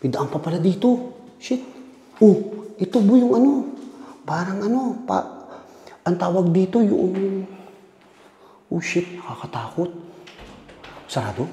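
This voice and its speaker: A jittery man walks empty hospital corridors, swearing and repeating himself as he narrates. His voice is dark and mellow but sits a little high. The sound rings with long reverb from the halls. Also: animated, a little slow, pauses often. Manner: jittery, swears constantly, repeats words, drops to a hush. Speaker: vlogger exploring an abandoned hospital. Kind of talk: nervous exploration commentary. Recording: echoey hall reverb, faint noise.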